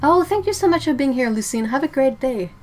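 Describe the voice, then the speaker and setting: A woman's voice: high-pitched, expressive, brisk, darkish tone, a little hiss or hum, poor audio. A woman hosting a casual livestream, chatting and reacting to chat messages with frequent laughs. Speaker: livestream host.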